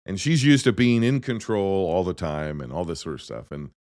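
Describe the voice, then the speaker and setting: With a deep voice at a moderate pace, a man hosts a casual movie podcast, rambling and interrupting himself as he tells animated stories. The recording is dry and of studio quality.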